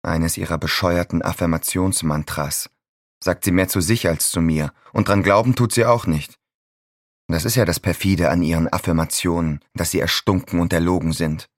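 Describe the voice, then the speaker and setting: A man's voice: sits low, fairly even intonation, normal speed, no room sound, studio quality. An actor in his twenties playing a bitter 26-year-old son stuck in his childhood room, in a sardonic, brooding inner monologue. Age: 20s.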